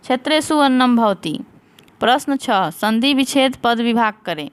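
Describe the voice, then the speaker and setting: A woman teacher talking through exam answers step by step, dictating each answer slowly and spelling words out letter by letter into a close voice-over mic. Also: on the high side, animated, clear, resonant tone.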